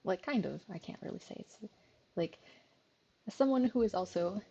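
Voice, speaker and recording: A woman's voice: mid-range voice, lively intonation, moderate pace, vocal fry, warm tone, husky, lo-fi sound. A woman streaming a visual novel, chatting casually and giggling, with lots of fillers.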